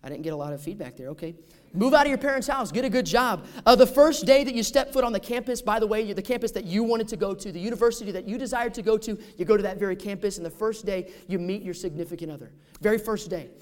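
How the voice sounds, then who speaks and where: Male pastor, high-pitched, conversational sermon delivery with rhetorical questions. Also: fast.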